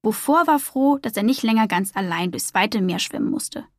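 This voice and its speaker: A woman reading a children's story aloud in a gentle, expressive manner as a podcast storyteller. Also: mid-range voice, normal speed, no room sound, studio quality.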